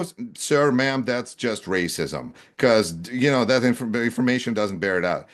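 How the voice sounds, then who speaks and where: Animated sarcastic male talk host. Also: medium pitch. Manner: animated, sarcastic, acts out quoted voices. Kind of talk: political talk show conversation.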